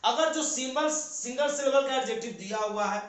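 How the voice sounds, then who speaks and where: Male teacher, high-pitched, patient step-by-step classroom delivery, very echoey room. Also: normal speed. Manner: explains step by step with questions he answers himself. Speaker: English teacher. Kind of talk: classroom grammar lesson.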